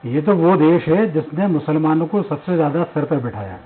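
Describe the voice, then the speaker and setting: Male debate panelist, high voice, emphatic, tinny remote audio. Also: lively intonation, moderate pace, slight background noise. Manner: emphatic, rhetorical questions. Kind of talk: televised debate argument. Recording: tinny phone-line audio.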